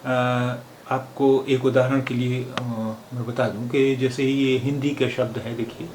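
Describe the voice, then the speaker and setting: A man teaching a language lesson, explaining patiently and pausing often with filler sounds as he thinks aloud. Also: mid-range voice, little pitch movement. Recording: roomy with faint background noise.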